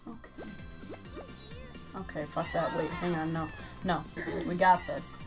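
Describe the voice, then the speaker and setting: A young woman playing a game, swearing, laughing and reacting loudly. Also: fairly low pitch, measured pace, music in the background. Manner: excitable, swearing, big laughs. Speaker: gamer. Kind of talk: casual gaming banter.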